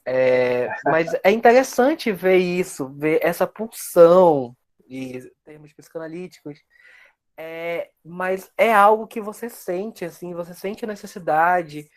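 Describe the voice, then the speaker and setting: A young man from Amazonas, Brazil, speaks as a researcher guest in a casual interview, reflectively explaining his work at length. His voice is high and expressive, and he takes his time.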